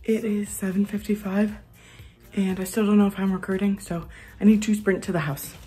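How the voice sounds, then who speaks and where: A woman's voice: mid-range voice, flat delivery, moderate pace. A young woman chatting casually and gushingly to her vlog, in a bubbly sorority-girl manner, on a phone held at arm's length. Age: young adult. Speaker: sorority member vlogger. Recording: phone vlog with music underneath. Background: background music.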